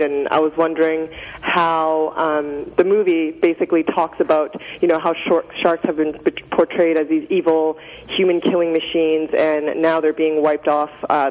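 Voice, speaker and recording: A young woman from Canada talking casually as a radio guest, chatty and full of fillers. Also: sits low. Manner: chatty, many fillers and likes. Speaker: guest, nonprofit founder. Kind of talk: casual interview answers. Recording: dull radio sound with long reverb.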